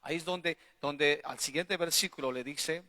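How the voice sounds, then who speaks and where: Bright-voiced male pastor in a reverberant church. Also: a little high, normal speed. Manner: emphatic preaching, frequent rhetorical questions to the congregation; swings between loud bursts and quiet asides. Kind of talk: sermon. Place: church hall. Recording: long hall reverb.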